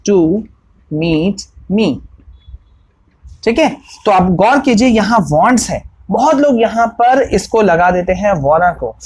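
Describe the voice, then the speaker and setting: Woman teaching a lesson online, patient, says examples slowly word by word, keeps checking in with viewers. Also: mid-range voice, husky, poor audio. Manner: addresses viewers directly, checks in often. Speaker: English teacher. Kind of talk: spoken language lesson.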